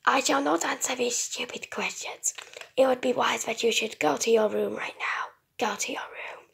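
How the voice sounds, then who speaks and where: A woman voicing a creepy, deadpan robot servant in a flat, whispered monotone. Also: a little high, moderate pace, creaky. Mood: menacing deadpan.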